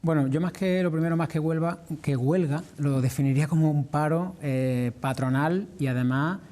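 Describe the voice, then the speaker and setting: A man with an Andalusian accent giving measured, explanatory answers as a farming representative in a formal interview. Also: a little high, dark tone. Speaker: farmers' organisation representative being interviewed.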